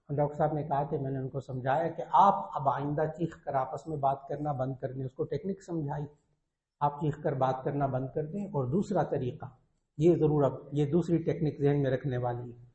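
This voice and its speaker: A man's voice: on the high side, darkish tone. A man with a Pakistani Urdu accent, a religious scholar giving a sermon, telling stories earnestly and repeating his key points for emphasis. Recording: echoey, dull lo-fi recording.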